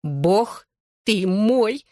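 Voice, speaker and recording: A reader voicing a bubbly, excitable teenage girl who fiercely takes her best friend's side. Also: on the low side, dry recording, clean studio sound, natural voice. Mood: excited. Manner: quick to excitement and indignation.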